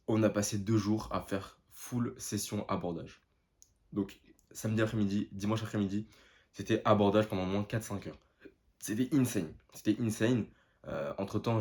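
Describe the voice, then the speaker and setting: A young man telling a story to his viewers in a casual vlog, excited and full of slang, often calling out to "the guys". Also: on the low side. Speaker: vlogger.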